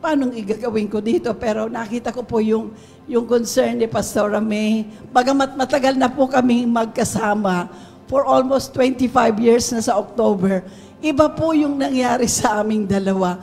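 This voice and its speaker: A woman giving a lively, laughing testimony in a church service, mixing English into her Tagalog. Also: fairly high pitch, normal speed, vocal fry, faint music behind. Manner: animated storyteller, laughs often, mixes English into Tagalog. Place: church sanctuary. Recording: long reverb of a church hall.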